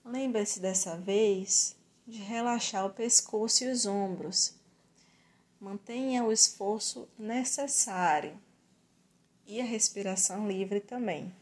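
A woman with a Brazilian accent teaching yoga and relaxation in a calm, soothing, measured way with gentle pauses. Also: medium pitch. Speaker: yoga instructor. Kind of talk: guided yoga and relaxation instruction.

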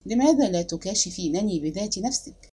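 A woman's voice: mid-range voice, expressive, brisk, warm tone, slightly rough. A woman reading as an anxious, pleading young husband. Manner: earnest, pleading.

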